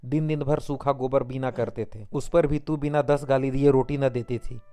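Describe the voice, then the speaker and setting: A man's voice: mid-range voice, steady tone, normal speed, soft background music, natural voice. Man doing a hot-headed young villager. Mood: resentful. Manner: shouting, coarse threats.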